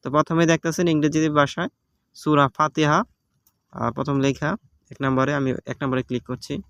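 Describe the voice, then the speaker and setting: A man's voice: fairly high pitch, little pitch movement, moderate pace, a bit bright, smooth. Patient Bangladeshi man explaining an app. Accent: Bangladeshi Bengali. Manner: patient, repetitive step-by-step explaining with many fillers. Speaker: tutorial host. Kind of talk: casual screen-recorded app tutorial. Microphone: phone recording.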